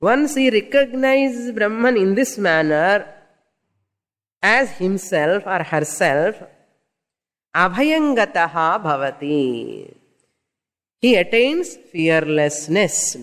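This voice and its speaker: South indian tamil guy, kinda high voice, lecturing on sanskrit verses, repeats and explains each term, big reverby hall. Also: animated, slow, long pauses, a bit bright. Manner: didactic, repeats and explains terms phrase by phrase. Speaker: spiritual teacher. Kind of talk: scriptural lecture with chanted Sanskrit terms.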